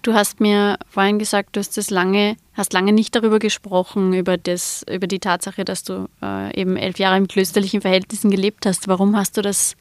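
A woman's voice: medium pitch, flat delivery, brisk, hardly any pauses, dry recording. A woman with an Austrian accent, hosting a podcast interview and asking attentive questions between affirming murmurs. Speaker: podcast host.

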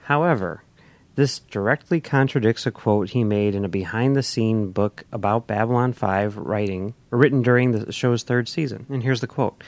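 A man's voice: lowish voice, normal speed, no room sound. A man co-hosting a casual podcast discussion, talking in a hesitant way with many restarts. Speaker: podcast co-host.

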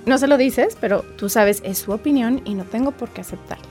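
A woman psychotherapist, a guest on a talk show, calmly explaining advice and acting out little scenes. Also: fairly high pitch, brisk, soft background music.

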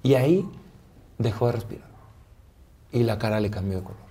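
A man, an interview guest, telling a personal story in a soft, halting way with many pauses and fillers. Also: lowish voice.

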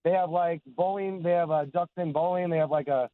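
A man calling a radio show on his phone's speaker from his car on the highway, easygoing and chatty. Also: fairly quick, dry recording. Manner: easygoing, calls the host man and dude. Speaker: caller. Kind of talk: casual call-in chat. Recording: tinny speakerphone phone line.

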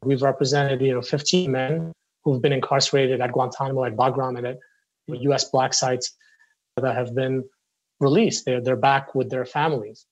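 A man in his forties talks earnestly about his legal work in an interview. His voice sits at a middle pitch, and he often restarts and repeats words as he thinks. He is a lawyer from Syria who grew up in the Middle East. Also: fairly even intonation, moderate pace, lo-fi sound. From Syria, raised in the Middle East. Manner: earnest, speaks in restarts and repetitions.

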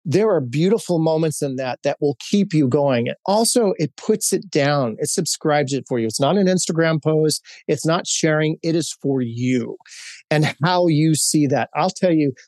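Expressive and speaking at normal speed, this Hawaii-raised man in his fifties, a corporate executive, offers candid, storytelling answers as a guest, with frequent fillers and restarts. His voice runs on the high side with a darkish tone, and there's no room sound.

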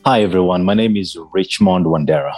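A man from Uganda telling his life story as an interview guest, in a slow, earnest, measured way. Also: low-pitched, a little mellow, soft background music.

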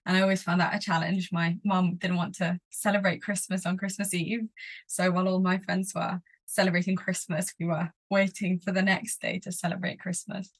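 Her voice sits lowish and slightly rough, delivered flatly at a moderate speed. She's a young spoken word poet from Sweden, a podcast guest in casual interview conversation, peppering her chatty speech with "like" and "um" and often starting over.

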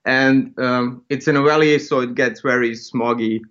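A man in his thirties, a game developer calmly describing his home city from his apartment. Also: medium pitch, normal speed. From Bosnia. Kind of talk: casual interview over video call. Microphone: video call. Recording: dull video call audio.

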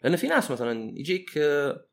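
A man's voice: fairly high pitch, very animated, fast, gravelly. A man, hosting a casual solo talk that gives life advice and acts out short everyday exchanges. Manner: chatty, conversational, acts out everyday dialogues. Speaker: podcast host.

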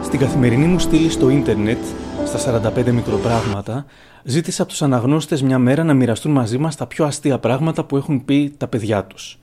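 A man's voice: medium pitch, mellow, faint music behind. A man hosting his own show, reading listener anecdotes in scripted narration and lifting his voice for the children's quotes. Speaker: columnist host.

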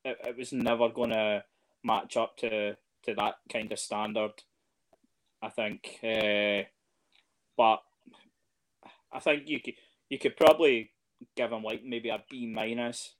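A man's voice: lowish voice, fairly even intonation, slow, pauses often. A man in casual chat as a guest, hesitant and full of fillers and restarts. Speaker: podcast guest, fan.

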